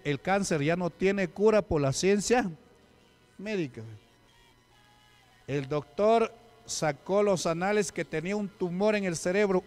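A man's voice: sits high, a little mellow. A man preaching a sermon, telling a story with acted quotes and asking the congregation questions. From Peru.

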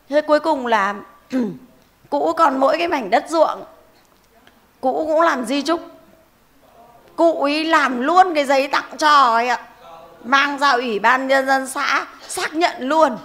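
A woman's voice: high-pitched, fairly bright tone. A middle-aged woman giving a folksy storytelling talk on legal cases, often turning to her older listeners with rhetorical questions. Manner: folksy, rhetorical, keeps asking the audience "right?". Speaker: legal advice speaker at a club talk.

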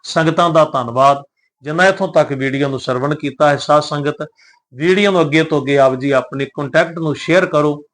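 A man teaching scripture, who chants verses slowly and deliberately and then explains them word by word in a reverent, polite manner. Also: a little high, fairly bright tone. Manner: devout and reverent, addresses listeners politely.

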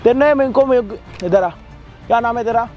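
A man's voice: extremely high pitch, normal speed, lo-fi sound, soft background music. A young man, angrily interrogating and threatening someone over and over in a staged confrontation video. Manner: aggressive, repetitive interrogation. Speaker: confronting vigilante.

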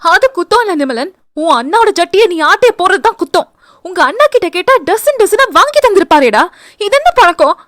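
A woman voicing an anxious, dramatic young wife who wails and scolds in a shrill voice. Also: expressive, brisk, no echo, clean studio sound. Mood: wailing, indignant. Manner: shrill and wailing.

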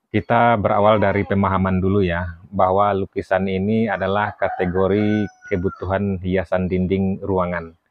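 A man, a painter giving a casual tutorial, relaxed and chatty with many fillers and self-corrections. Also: low voice, no echo. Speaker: painter explaining how to price artwork. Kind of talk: casual talking-head tutorial. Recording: dry, dull lo-fi sound.

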